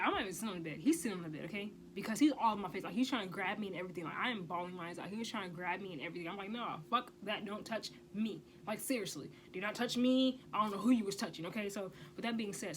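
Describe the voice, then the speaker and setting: A woman's voice: mid-range voice, slight background noise, rough recording. A woman telling a personal story in a casual vlog, emphatic and blunt, often stressing points with a rhetorical "okay?" and swearing freely. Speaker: vlogger.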